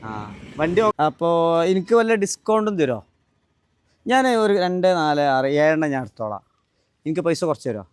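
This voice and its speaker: A man, hosting a casual vlog outdoors at a roadside stall and gently teasing children with questions. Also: on the high side, sing-song, normal speed, long pauses, clear, resonant tone, no echo. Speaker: vlogger host.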